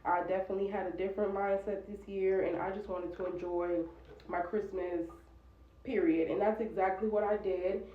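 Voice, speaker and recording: A woman's voice: medium pitch, steady tone, normal speed, distant mic. A woman in her twenties telling a personal story in candid, casual chat, full of "like" fillers. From United States. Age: 20s. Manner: candid, chatty, many "like" fillers. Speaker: vlogger. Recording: roomy dull sound from off-mic.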